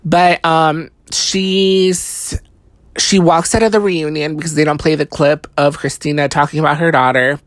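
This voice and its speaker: A person giving a casual, gossipy recap of a reality show, talking fast and loose with lots of "like" and swearing. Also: medium pitch, steady tone, no room sound. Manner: chatty, profane, many "like" fillers.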